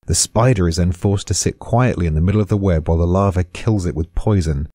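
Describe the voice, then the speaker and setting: Man, British accent, dry darkly amused delivery, husky, dead dry studio sound. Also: deep voice, fast, dark tone, no room sound. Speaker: explainer. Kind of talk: scripted podcast narration.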